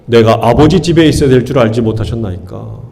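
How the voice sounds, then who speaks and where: Gravelly and dark, the mid-range voice of this male pastor moves fast with lively intonation as he preaches. He asks his congregation question after question in call-and-response fashion and stresses key words by repeating them.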